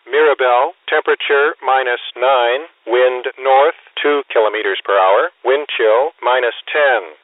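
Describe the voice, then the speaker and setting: A man reading marine and local weather forecasts over a VHF marine weather radio broadcast, in a steady, clipped forecast delivery. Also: medium pitch, a little slow, few pauses, dry recording. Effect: marine weather radio broadcast heard through a VHF receiver. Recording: tinny dry radio receiver sound.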